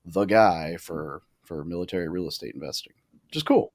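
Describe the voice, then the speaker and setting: A man in his thirties, a podcast guest, talking in a casual, profane way with quick asides and restarts. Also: sits low, a little mellow. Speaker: podcast guest, real estate investor. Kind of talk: casual conversational interview.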